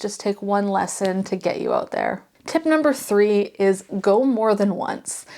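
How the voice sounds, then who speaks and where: A woman's voice: mid-range voice, darkish tone. A woman hosting a casual instructional vlog, speaking to camera in an encouraging, reassuring and plain-spoken way. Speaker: host giving beginner ski tips.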